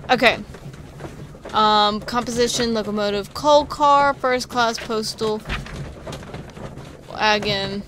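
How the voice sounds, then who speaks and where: A woman's voice: on the high side, fairly even intonation, takes it slowly, long pauses, noisy background. A woman giving casual, blunt let's-play commentary, reacting aloud to a game. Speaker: gameplay commentator.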